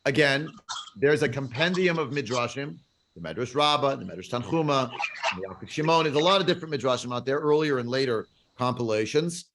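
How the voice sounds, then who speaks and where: A man's voice: mid-range voice, animated, brisk, noisy background. A man teaching a Bible class over a video call, digressive, full of fillers and rhetorical questions. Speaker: Torah teacher.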